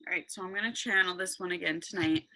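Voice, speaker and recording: A woman's voice: on the low side, fairly even intonation, fast talker, bright, forceful tone, poor audio. A woman hosting a meditation session, chatting informally to her followers and hesitantly thinking aloud. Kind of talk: casual chat to followers.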